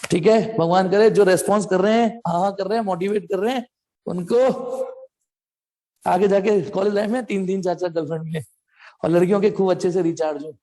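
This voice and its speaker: A man's voice: high voice, warm tone. A male physics teacher talks his students through problems in a loose, joking, chatty way, calling them "beta" as he goes. His voice carries a long reverb tail, as if recorded in a large, echoing space. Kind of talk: live online class lecture.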